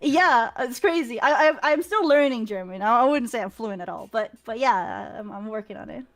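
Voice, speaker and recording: Giggly high-voiced young woman, faint Norwegian accent. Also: lively intonation, normal speed, soft background music. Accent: subtle Norwegian. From Norway. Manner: giggly, hesitant with many restarts. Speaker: guest streamer. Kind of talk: casual chat.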